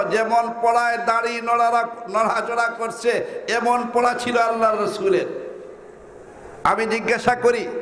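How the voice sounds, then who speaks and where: A man's voice: very high voice, a bit bright. A man preaching a sermon in a Sylheti Bengali accent, repeating his points and asking the congregation rhetorical questions. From Sylhet, Bangladesh. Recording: echoey hall with long reverb.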